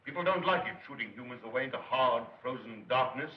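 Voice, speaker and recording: A man's voice: medium pitch, expressive, fast talker, natural voice. An actor playing a middle-aged male master craftsman who rails against progress in impassioned, declamatory speeches, in 1930s film acting. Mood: rousing. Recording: dull lo-fi 1930s film soundtrack.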